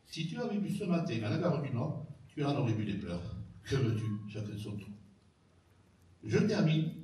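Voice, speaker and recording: A man's voice: fairly high pitch, darkish tone. A man reading old letters aloud at a public event, with expression. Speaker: reader of wartime letters. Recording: echoey room, voice from far off.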